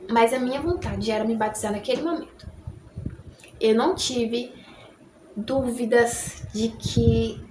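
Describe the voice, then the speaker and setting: A woman's voice: on the high side, background noise. A young Brazilian woman telling her conversion story in an earnest, chatty way, often adding "né?". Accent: Brazilian Portuguese. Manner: chatty, earnest, tag questions "né?" throughout. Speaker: vlogger giving her conversion testimony. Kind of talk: casual personal testimony. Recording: roomy room with faint ambience.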